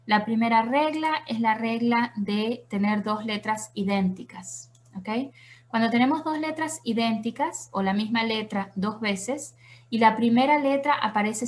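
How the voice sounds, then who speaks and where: A woman teaching a recitation lesson, patient and methodical, often checking in with her listeners and repeating examples slowly. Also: fairly high pitch. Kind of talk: explanatory tutorial lesson.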